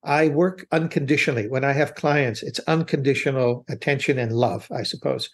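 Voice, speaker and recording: A man's voice: mid-range voice, normal speed. Earnest, reflective man talking at length. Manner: earnest, reflective, rambling with restarts. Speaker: business consultant guest. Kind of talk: interview conversation.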